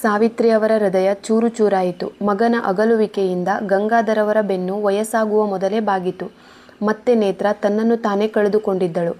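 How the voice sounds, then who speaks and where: Mellow woman narrating a family drama. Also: mid-range voice, steady tone, moderate pace. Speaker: storyteller. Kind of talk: scripted story narration.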